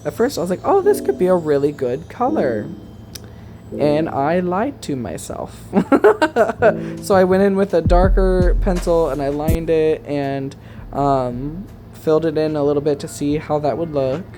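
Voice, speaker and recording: A man's voice: fairly high pitch, animated, moderate pace, noisy background. A man talking as a sassy, campy, chatty drag queen in a casual makeup tutorial voice-over.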